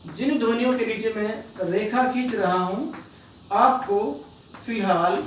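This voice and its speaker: A man teaching children, talking slowly and patiently and sounding out each letter one at a time. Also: high voice, fairly bright tone, a little hiss or hum. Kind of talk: slow, deliberate classroom lesson. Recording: echoey room, voice from far off.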